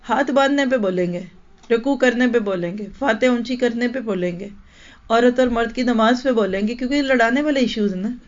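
A woman's voice: fairly high pitch, fairly quick. A woman teaching in a Quran lecture, explaining verses emphatically and asking the listeners rhetorical questions. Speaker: Islamic teacher. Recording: dull lo-fi recording.

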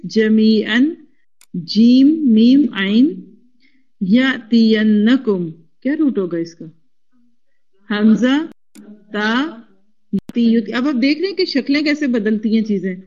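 A woman teaching a classroom lesson, spelling out root letters slowly and coaxing the class to repeat after her. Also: a little high, darkish tone, highs cut off. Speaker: Quran Arabic teacher.

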